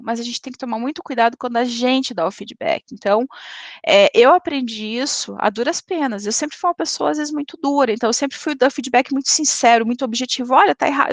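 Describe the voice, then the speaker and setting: High-voiced woman giving a webinar lecture. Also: dry recording. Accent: Brazilian Portuguese. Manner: didactic, frequent "tá?" tag questions.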